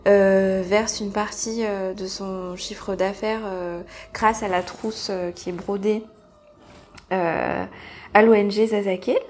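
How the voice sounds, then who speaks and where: A woman interviewing a guest in a relaxed chat, halting often with fillers and laughing lightly. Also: mid-range voice, a little hiss or hum. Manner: hesitant, many fillers, friendly laughs.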